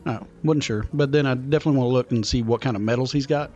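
A man's voice: mid-range voice, rapid-fire, warm tone. A man chatting casually as a player in a tabletop game. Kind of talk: casual chat. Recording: dull lo-fi mic, music behind.

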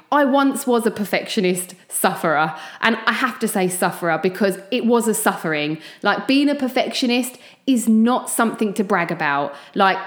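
Echoey Essex woman podcaster. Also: a little high. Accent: Essex English. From Essex, England. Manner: informal pep talk addressed straight to listeners. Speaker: podcast host. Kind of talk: chatty solo motivational podcast. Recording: echoey room.

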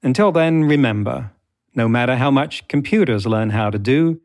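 A man's voice: medium pitch, normal speed, a little mellow. A man hosting a podcast, reading scripted narration with a wry, dry humour. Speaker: podcast host.

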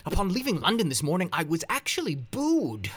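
A flustered older statesman, as a male narrator puts him on, pleads in a strained, raised voice that leaps about in pitch. He sounds anxious and indignant. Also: sing-song, measured pace, pushed and bright, exaggerated voice. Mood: pleading.

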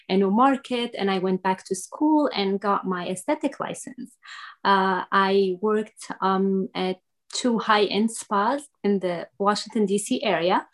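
A middle-aged woman from Syria with a Syrian Arabic accent, speaking earnestly as a podcast guest, often pausing with "uh" and "um". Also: mid-range voice. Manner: earnest, with many "uh" and "um" pauses. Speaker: guest, makeup artist. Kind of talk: podcast interview.

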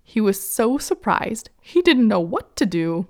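Slow, gentle woman telling a children's story. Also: mid-range voice, sing-song.

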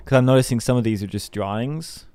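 A man's voice: mid-range voice, quick pace, darkish tone, clear, resonant tone, no echo. Rambling, chatty man on a casual monologue. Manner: rambling, chatty, laughs at his own jokes. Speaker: host.

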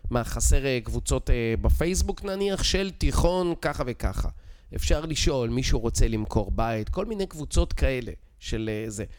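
A man's voice: medium pitch, expressive, a little mellow. A middle-aged man with an Israeli accent talks in an informal, explanatory way. He is insistent and teacherly, punctuating his points with short check questions. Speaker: real estate expert guest. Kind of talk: casual explanatory conversation.

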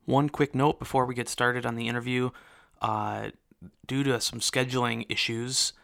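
An earnest male host speaks in a bright, crisp voice with a gravelly edge. He talks in loose, filler-laden sentences, circling back and restarting as he works through his thoughts. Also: medium pitch, little pitch movement, moderate pace. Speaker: podcast host and interviewer. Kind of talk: casual spoken commentary then interview.

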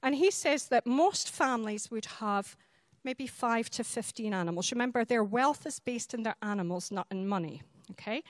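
A woman from the Highlands of Scotland with a Highland Scottish accent, preaching a sermon in an explanatory way and checking in with short tag questions. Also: normal speed, no echo.

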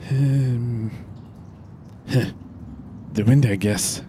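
An actor playing a wary disguised arsonist who answers in hesitant, baffled fragments. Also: male voice, mid-range voice, very slow, background noise.

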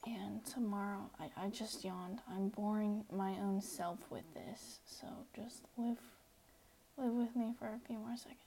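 A young woman from the United States hosting her first casual solo podcast, rambling and self-deprecating, sometimes dropping to a soft near-whisper. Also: mid-range voice, flat delivery, unhurried, gravelly, low-quality recording. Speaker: podcast host.

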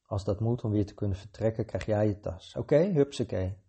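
A man voicing the narrator's skeptical, impatient companion, in a gravelly, husky voice. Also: on the low side, brisk, warm tone. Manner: impatient, exasperated.

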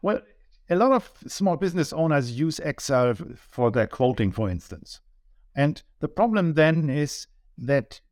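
A German man in his sixties, a business owner, appears as a guest in a casual interview, speaking earnestly with a German accent and many small restarts. His voice is fairly high, captured as clean studio sound with no room sound.

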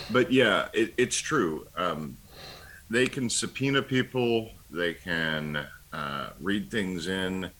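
A man co-hosting a political talk show, talking in a halting, wry way with many ums and pauses. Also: low-pitched, fairly bright tone. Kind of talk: casual political commentary.

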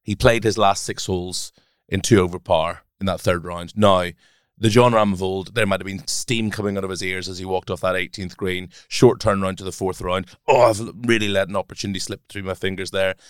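A man who is a sports broadcaster, talking as a podcast guest in an animated, enthusiastic way. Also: sits low, moderate pace, clean tone, no room sound, clean studio sound. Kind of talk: casual podcast chat.

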